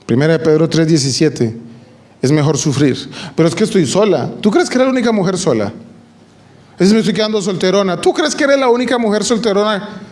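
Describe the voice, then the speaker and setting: A man's voice: a little high, darkish tone. A man preaching a sermon at a church meeting, asking the congregation rhetorical questions and adding joking asides. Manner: asks the audience rhetorical questions.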